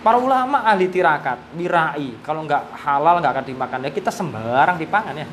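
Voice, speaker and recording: A man from Indonesia with a Javanese accent, teaching a live Quran reading class in a relaxed way, with Javanese words mixed in. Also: a little high, a little fast, background noise.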